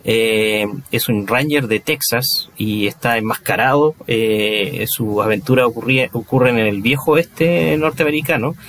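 A man's voice: mid-range voice, a little slow, few pauses, fairly bright tone. A man co-hosting a podcast who chats about western films in an easygoing way, with many fillers and hesitations. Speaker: podcast co-host. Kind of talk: casual chat about film.

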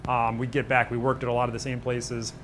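A man from upstate New York talks in a casual, easygoing interview manner, feeling his way through informal stories. His pitch is average, and clear ambient noise sits behind him. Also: monotone, quick pace, a bit bright. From Buffalo area, New York, United States. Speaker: pizza restaurant owner and bartender. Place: on location at his restaurant. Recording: noisy location with background ambience.

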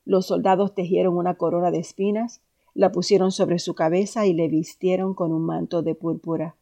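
A woman reading scripture aloud in a steady, solemn way. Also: on the low side, moderate pace. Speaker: scripture reader.

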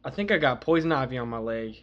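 A man's voice: mid-range voice, lively intonation, fast. A young man co-hosting a podcast, throwing in short, crude teasing quips in casual chat. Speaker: podcast co-host. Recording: dull lo-fi sound.

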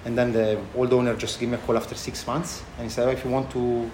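Casting: male interviewee, thick Italian accent, halting conversational delivery, roomy sound, light background noise. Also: medium pitch, little pitch movement, a little mellow. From Italy. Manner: halting, non-native phrasing. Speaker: chef and restaurant owner being interviewed. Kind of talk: casual interview answers. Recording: echoey room with background noise.

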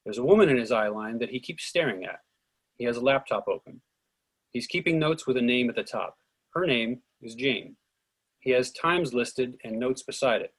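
Using short declarative sentences, a man narrates stage directions from a script. His husky, slightly rough voice sits at medium pitch and is expressive at a normal speed, though the audio quality is poor.

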